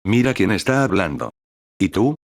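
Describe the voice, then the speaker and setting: A man's voice: on the low side, big pitch swings, normal speed, dry recording, studio quality. A man voicing a sly, mocking adventurer party leader. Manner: mocking, knowing.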